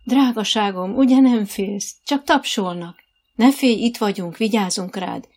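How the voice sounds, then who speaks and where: A woman reading as a gentle blind girl rider. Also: mid-range voice, close to an everyday voice. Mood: tender. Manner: soft, tender, coaxing.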